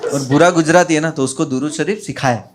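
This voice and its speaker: A man doing stand-up, telling a story and acting out his friends' lines in quick bursts. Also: on the high side, heavy background noise. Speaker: stand-up comedian.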